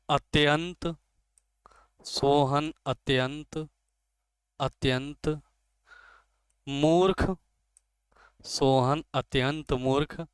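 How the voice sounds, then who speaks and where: A man's voice: fairly high pitch, clear, resonant tone, dry recording. A man teaching grammar in an exam-coaching lesson, asking a question and then answering it himself, and repeating each key term several times.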